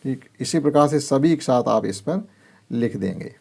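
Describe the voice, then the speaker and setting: Gravelly, dark-voiced teacher. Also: male voice, mid-range voice, expressive. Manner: explains English words in Hindi, slow deliberate reading of English sentences. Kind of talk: workbook lesson explanation.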